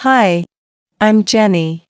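A woman reading short scripted lesson dialogue lines with slow, careful enunciation. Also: medium pitch, lively intonation, clear, resonant tone, no room sound, studio quality. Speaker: dialogue speaker in language lesson.

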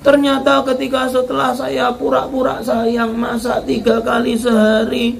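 A preacher voicing a tearful young woman who begs and sobs in a high voice. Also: monotone, unhurried, vocal fry, a little hiss or hum, heavily acted. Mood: remorseful. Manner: begging, high-pitched and sobbing. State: crying. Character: tearful pleading young woman, daughter-in-law.

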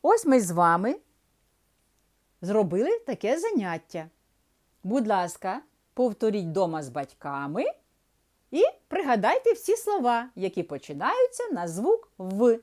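A woman teaching a children's reading lesson, slowly sounding out syllables and asking young pupils questions, then answering them herself. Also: medium pitch, sing-song, a little mellow. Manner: slow, drawn-out, sounds out syllables; addresses young pupils, asks and answers her own questions.

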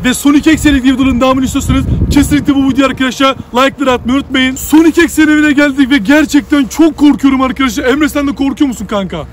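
A man vlogging casually, brash and taunting, talking in slang with excitable energy. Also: extremely high pitch, quick pace, few pauses, slight background noise. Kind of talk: casual horror-challenge vlog.

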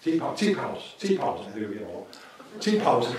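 A man with a Danish accent giving an informal course lecture, telling a story with repeated phrases and lively asides. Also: medium pitch, noisy background. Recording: echoey hall from a distance.

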